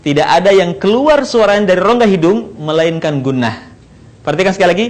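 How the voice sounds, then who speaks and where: A man teaching how to pronounce Arabic letters, explaining slowly and repeating each sound in drills. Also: high voice, animated. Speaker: Quran recitation teacher. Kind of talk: slow instructional explanation with recited drills.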